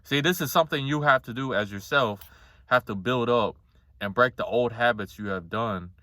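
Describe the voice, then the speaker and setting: A man in his twenties with a somewhat monotone voice, talking casually and bluntly to the camera in a rambling, confessional way with some swearing. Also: medium pitch, normal speed, no echo, studio quality. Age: 20s. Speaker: vlogger.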